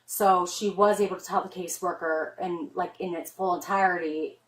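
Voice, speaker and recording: Picked up on an officer's body camera, the audio roomy and distant, a middle-aged mother gives a spoken statement to police, rambling earnestly and anxiously and saying "like" a lot. Her voice is lowish, with fairly even intonation and a moderate pace.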